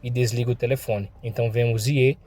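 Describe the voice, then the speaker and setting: A man's voice: mid-range voice, steady tone, fairly quick, mellow. A man narrating a comic recap in a casual, slangy storytelling manner.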